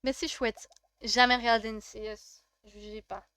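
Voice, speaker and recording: A woman's voice: on the high side, fairly even intonation, moderate pace, a bit bright, slight background noise. A young woman with a French accent streaming a life-sim game, chatting casually and gushing as she reacts to her chat. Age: young adult.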